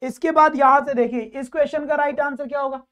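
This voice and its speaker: High-voiced male exam-prep teacher. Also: fairly even intonation, fast, fairly bright tone. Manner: quizzes students and calls them "beta"; explains English grammar in Hindi with English terms. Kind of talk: online exam-coaching lesson.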